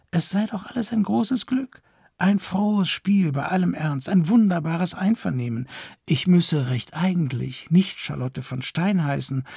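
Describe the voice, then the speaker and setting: A man reading an audiobook voices a distraught, weepy aristocratic woman with high-strung outbursts. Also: creaky, mellow, husky, dry recording, clean studio sound, full character voice. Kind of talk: audiobook character voice.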